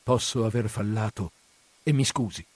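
A man reading aloud voices an angry, hot-tempered young peasant who makes forceful, insistent demands. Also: on the low side, moderate pace, husky, dry recording. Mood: subdued.

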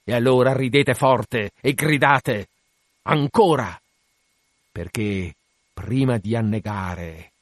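A man's voice: mid-range voice, slow pace, dry recording. Man reading as a commanding old sea captain, obsessed and one-legged, fervent declamation, dry close sound. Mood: brooding. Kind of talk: dramatic reading.

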